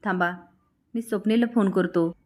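A woman's voice: medium pitch, moderate pace, a little mellow, close to an everyday voice. A woman voicing a worried elderly family patriarch in a plain reading voice.

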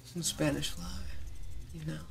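Gravelly, cocky young boyfriend. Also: male voice, a little high, little pitch movement, unhurried, over music. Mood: coaxing. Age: young adult. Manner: slangy, coaxing, cocky. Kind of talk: horror-comedy film acting. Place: inside a parked car.

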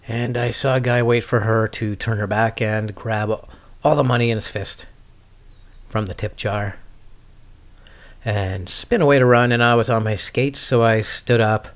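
With a lowish voice, a skating podcast host rambles casually through viewer questions, his humour dry and wry.

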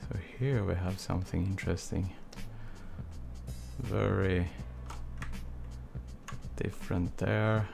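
Talking over music, this Swedish live stream instructor in his thirties speaks slowly in a low, gravelly voice and pauses often. He's teaching texturing from a small home studio on a desk mic with webcam, with a Swedish accent, chatting casually and replying to viewers between long quiet stretches.

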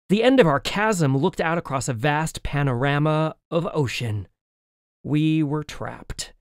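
Male audiobook narrator, fairly high and very animated, dry studio sound. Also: no echo. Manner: expressive, lively storytelling. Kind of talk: first-person audiobook narration.

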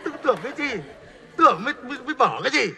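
Comedy sketch: a blunt, teasing driver, high gravelly voice. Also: male voice, big pitch swings, racing, pushed and bright, big-room sound, some chatter behind, full character voice. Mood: grumbling. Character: cheeky male motorbike-taxi driver, blunt and mocking.

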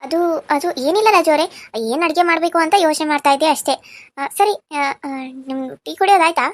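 Man doing a flustered high-voiced young wife. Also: no room sound. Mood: flustered polite. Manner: quick, fluttery, falsetto.

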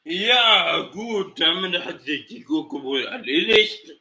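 Man, livestream host, slightly high voice, very bright tone, casual dry teasing. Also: animated, takes it slowly. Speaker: streamer host.

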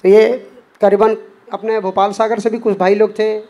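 A man's voice: high voice, level tone, normal speed, dark tone. A man giving an earnest spoken testimony as a devotee, acting out the dialogue he quotes. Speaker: devotee sharing a personal experience.

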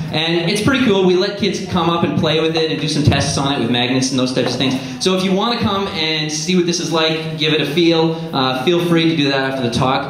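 Male presenter, informal jokey stage talk, slightly high voice, halting delivery, very echoey theatre. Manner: self-deprecating, jokey, halting. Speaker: science centre presenter. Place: theatre stage before an audience. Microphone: handheld microphone. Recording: echoey theatre PA with audience noise.

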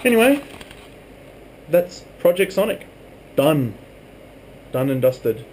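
With a slightly high, darkish voice that swings widely in pitch, a man in his twenties speaks slowly while vlogging. His narration is hands-on, informal and chatty, recorded on a handheld camera in a small room at home, with faint noise behind him.

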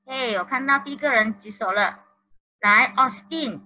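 A woman with a fairly high voice talks at a normal speed on a muffled video-call recording. She teaches an online primary school class in Malaysian Mandarin, slipping in Malay and English words while encouragingly coaxing the pupils along.

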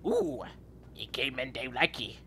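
A man voicing a dim-witted, excitable caveman who talks about himself in the third person while commenting on gameplay. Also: medium pitch, normal speed, gravelly, a little hiss or hum. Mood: goofy. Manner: broken caveman grammar, third person, sudden yelps. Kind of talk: playful game commentary in character.

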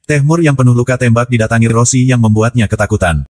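A man with an Indonesian accent narrating a scripted film recap in a brisk, even storytelling delivery. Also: medium pitch, background noise.

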